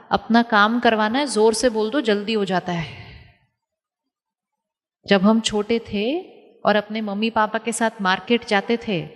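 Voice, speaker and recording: A woman giving a calm spiritual talk to an audience, teaching step by step with rhetorical questions and repetition. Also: mid-range voice. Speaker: spiritual speaker. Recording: long hall reverb.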